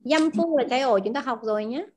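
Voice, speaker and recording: A woman's voice: high-pitched, quick pace, darkish tone. A woman teaching a language class, explaining words and asking her students questions often. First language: Vietnamese. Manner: asks the class questions, repeats key words.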